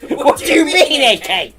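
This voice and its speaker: A young woman streaming a wrestling watch-along, ranting in exasperation and often shouting through laughter. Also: high voice.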